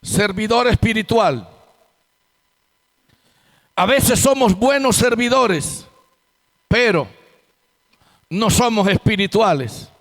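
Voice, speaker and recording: A man's voice: high-pitched, lively intonation, slow, long pauses. A man preaching a sermon as pastor, emphatic and full of rhetorical questions. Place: church sanctuary. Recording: long hall reverb in church.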